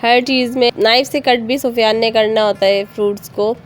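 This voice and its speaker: A mother in her thirties with a Pakistani Urdu accent provides voice-over for her family vlog, her voice a little high and steady in tone at a normal speed. There's slight background noise along with soft acoustic guitar music. She comes across as friendly and storytelling, addressing viewers with politeness.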